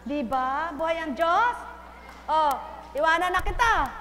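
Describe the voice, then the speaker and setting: A woman's voice: very high-pitched, expressive, measured pace, sharp tone. A woman leading a live prayer session, coaxing and urging someone in short repeated phrases and laughing often. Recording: echoey hall from far off.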